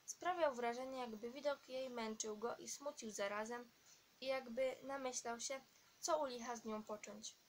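A woman narrating an audiobook at a steady reading pace, now and then stumbling and restarting a word. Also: fairly high pitch, normal speed, slight background noise. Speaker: audiobook reader.

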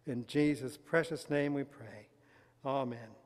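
A man's voice: mid-range voice, steady tone, measured pace. A man leading a congregation in worship, speaking earnest prayers in a large church hall, recorded from a far camera. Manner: earnest, reverent spoken prayer. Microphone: far camera at back of hall. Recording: loud brass music over voice. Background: brass band and congregation singing.

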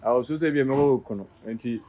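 A man's voice: medium pitch, rapid-fire, dark tone, lo-fi sound, a little hiss or hum. A man with a Ghanaian accent, hosting a street interview and narrating with short murmured replies. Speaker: host and interviewer.

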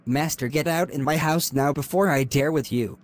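A man voicing a harsh, insulting young husband in an animated drama. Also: a little high, moderate pace, close to an everyday voice. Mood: angry. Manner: insulting, domineering shouts.

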